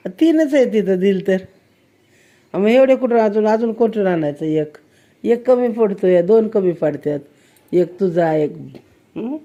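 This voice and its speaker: A woman's voice: medium pitch, animated, a little slow, pauses often, dark tone, lo-fi sound. Coaxing woman filming on her phone. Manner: coaxing, teasing, exclaiming often. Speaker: vlogger filming a child. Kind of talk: casual home video chat. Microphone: handheld phone.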